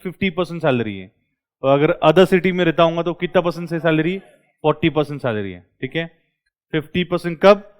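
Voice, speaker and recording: A male commerce tutor, lecturing a classroom and quizzing his students with quick questions. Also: a little high.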